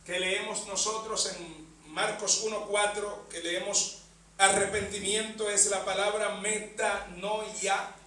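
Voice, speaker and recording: Preaching slowly in a church, a man speaks with a high, bright, forceful voice and a level tone, dotting his lines with amen and "bendito sea el Señor." The hall is echoey and the mic is far away.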